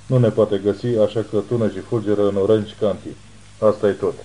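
A man reading as a steady private detective with a deep, very dark voice who talks in a measured, reassuring way. The tone is low and unhurried, the way a calm protector sounds when he is steadying others. It reads like an audiobook. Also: natural voice, low-quality recording.

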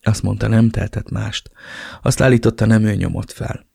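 Man reading a quiet, subdued woman. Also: lowish voice, steady tone, creaky, husky, dry recording, clean studio sound, heavily acted.

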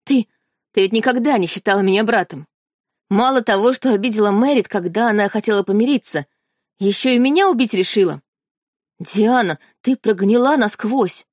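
A woman's voice: medium pitch, normal speed, no echo, studio quality, natural voice. Woman voicing a furious young nobleman. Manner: shouting, spiteful, scornful. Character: furious young nobleman, hateful, menacing brother.

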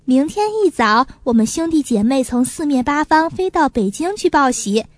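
A woman voicing a busy, kindly grown female magpie in a storybook reading, brisk and warmly teasing. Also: high voice, animated, dry recording, studio quality.

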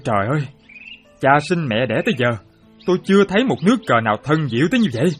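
A loud-mouthed, boastful old soldier, acted by a man, who bursts into exclamations. His pitch leaps around with lively swings. Faint music sits under this radio play. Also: very fast, breathy edge. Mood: excitable. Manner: excitable, exclamatory. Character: excitable boastful former soldier, a chess fan.

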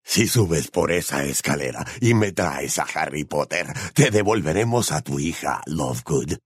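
A harsh, menacing Death Eater voiced by a man in an audiobook. The voice sits extremely low and gravelly, every line a sneering threat. It is recorded dry and close. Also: expressive, a little slow, no echo, heavily acted. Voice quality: rough, gravelly. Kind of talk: audiobook narration.

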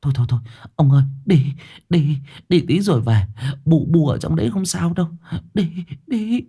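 Man voicing a frightened village wife, stammering, high. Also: expressive, normal speed, warm tone, slightly rough. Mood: panicked. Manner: stammering, panicky.

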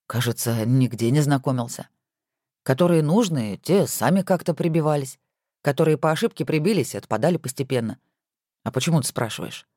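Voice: medium pitch, big pitch swings, normal speed, darkish tone, no room sound, studio quality. A reader voicing a good-natured husband who banters playfully with his wife, in a storybook reading.

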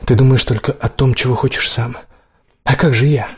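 A man's voice: mid-range voice, fairly even intonation, normal speed, slightly rough. A man voicing a hurt, defiant young woman in a love story, with pleading, tearful outbursts. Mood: desperate.

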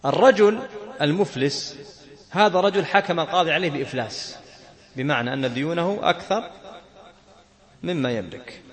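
A man's voice: fairly high pitch, expressive, normal speed, long pauses. A man teaching Islamic jurisprudence, reading a text and explaining it, often asking a question and answering it himself. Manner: questions and answers himself, laughs now and then.

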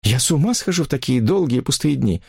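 Man doing a high, tearful, clingy woman for an audiobook, begging in a lively sing-song. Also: quick pace, vocal fry, husky, no room sound, studio quality. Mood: desperate. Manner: pleading, reproachful. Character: desperate lovesick married woman, tearful and pleading.

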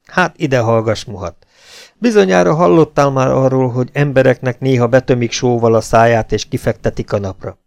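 A man's voice: medium pitch, gravelly, darkish tone, lightly acted. A man reading an audiobook, voicing a weary, hot-tempered legion captain who threatens and coaxes a prisoner. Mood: menacing. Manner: threatening, then coaxing and falsely friendly.

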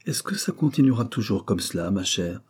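A man's voice: fairly low pitch, animated, a little fast, darkish tone, husky. A man voicing a mother who mildly scolds her daughter, in a read-aloud novel. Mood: chiding. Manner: chiding.

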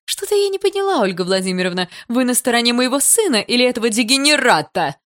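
A woman voicing a haughty, furious middle-aged mother who screams insults in a high, loud voice. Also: sing-song, quick pace. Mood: indignant. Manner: screeching, contemptuous, insulting.

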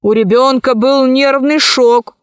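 Blustering fat father read by a woman, audiobook role, indignant, slow delivery. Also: high-pitched, steady tone, clean tone, no room sound, clean studio sound. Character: fussy fat man, doting father. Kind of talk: audiobook character voice.

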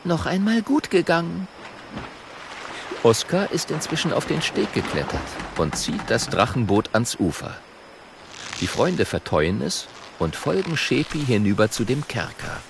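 A man narrates a children's audiobook with expressive storytelling, his pitch moving lively up and down. A gravelly edge runs through his voice. Faint noise sits under the recording. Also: moderate pace.

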